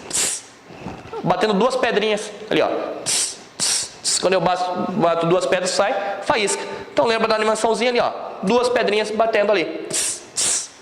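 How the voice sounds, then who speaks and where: Lively high-voiced Brazilian teacher, echoey. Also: male voice. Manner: patient, repetitive, checks in often with tag questions. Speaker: Hebrew teacher. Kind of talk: online language lesson. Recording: echoey room with long reverb.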